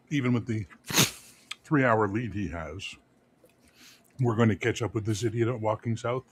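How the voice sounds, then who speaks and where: A man's voice: lowish voice, slightly rough. A man chatting as a player in a tabletop game, blunt and joking. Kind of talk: casual tabletop game chat.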